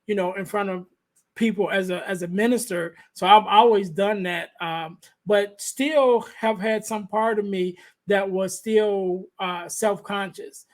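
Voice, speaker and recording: Thinking aloud in a soft, light, high voice, this male podcast host keeps a steady tone through a conversational interview. He halts often, restarts phrases and relies on fillers, speaking into a podcast microphone.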